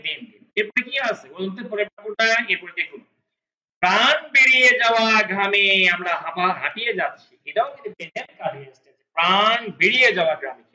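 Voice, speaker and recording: A man teaching spoken English, who says each English phrase slowly, repeats it and explains it word by word. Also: high voice, sharp tone. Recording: echoey room.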